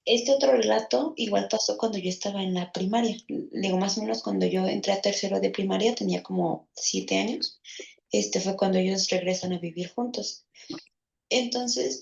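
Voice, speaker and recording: A woman with a Mexican accent, speaking as a guest in a therapy session, tells a personal story about a childhood memory, rambling with lots of fillers and restarts. Her medium-pitched voice is gravelly, and the audio is lo-fi.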